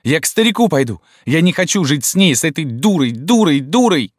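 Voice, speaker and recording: A man reading an audiobook voices a proud, hot-tempered young daughter who turns shrill and sharp. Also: very animated, moderate pace, no echo, clean studio sound. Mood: hysterical, shouting.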